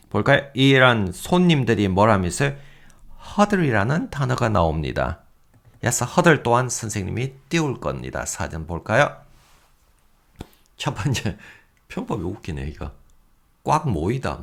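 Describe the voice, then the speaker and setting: A man teaching English vocabulary in a recorded lecture, reading example sentences slowly and adding joking asides about himself. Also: on the low side, creaky. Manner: lively, self-mocking asides with chuckles.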